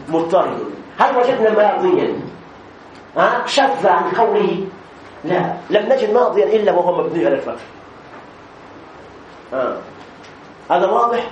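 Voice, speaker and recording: A man plays a sheikh giving a grammar lesson, posing questions and answering them himself, often hesitating and repeating words. His voice sits high and sing-song, at a normal pace with long pauses. The muffled recording comes from an echoey room with a distant mic and faint noise.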